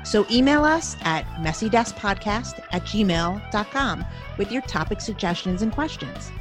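A woman's voice: mid-range voice, animated, a little slow, over music. A woman co-hosting a podcast, talking in an upbeat, emphatic way. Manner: upbeat, emphatic, wraps up the show. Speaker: podcast co-host. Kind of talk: casual podcast chat.

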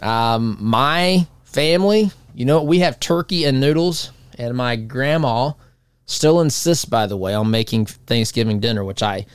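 A man's voice: mid-range voice, animated, unhurried, clear, resonant tone, dry recording. Rambling dry-voiced man in his forties. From United States. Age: 40s. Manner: rambling, conversational, many restarts. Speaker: radio talk show host. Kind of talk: casual monologue.

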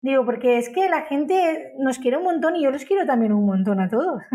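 A woman with a high voice talks in an interview about the company she runs. She is enthusiastic and keeps repeating words as she goes. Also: lively intonation, moderate pace, warm tone. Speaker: business owner.

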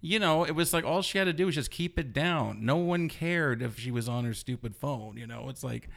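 A man of average pitch tells a story in a loose, animated way and leans on "you know" again and again. He is a blogger being interviewed, and he speaks casually. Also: fairly quick, creaky. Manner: rambling, animated retelling full of "you know". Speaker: blogger guest.

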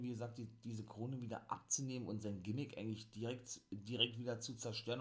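Male host, low-pitched, casual rambling recap, enthusiastic, lots of fillers. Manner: enthusiastic, excitable. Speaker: wrestling review host.

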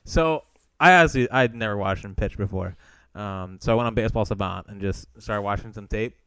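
A man's voice: fairly low pitch, a little fast, fairly bright tone, clean tone, no room sound. A man co-hosting a casual sports podcast, teasing and playful with his co-host.

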